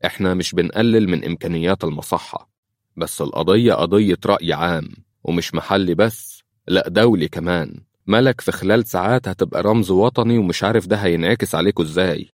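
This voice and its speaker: A man voices a stern Egyptian police major, probing and commanding in a low voice. The reading is dry and close. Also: quick pace, dry recording, close to an everyday voice. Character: suspicious male police major, authoritative.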